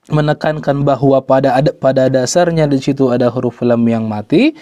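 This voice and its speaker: A man's voice: mid-range voice, mellow, dry recording. A man teaching Quran recitation rules, speaking patiently, repeating words and drawing out the example words he recites. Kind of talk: tajwid lesson.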